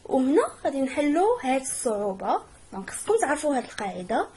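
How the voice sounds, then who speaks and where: A woman with a Moroccan accent teaching French pronunciation, explaining rules slowly and clearly as a teacher. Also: high-pitched, very animated, dark tone, slight background noise. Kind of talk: language lesson.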